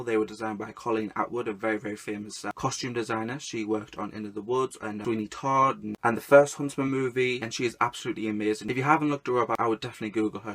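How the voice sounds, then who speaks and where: A man's voice: on the low side, fairly bright tone. A man giving a casual movie review to camera, talking emphatically and stacking repeated intensifiers.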